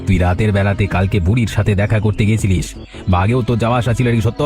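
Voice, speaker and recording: A man voicing a stern village police officer who talks in a gruff, commanding way. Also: fairly low pitch, rapid-fire, a little mellow, faint music behind, lightly acted.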